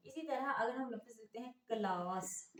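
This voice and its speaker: A woman teaching an English phonics lesson. She explains letter sounds, spells words out letter by letter and keeps checking in with a quick "theek hai na". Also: a little high, roomy sound, poor audio.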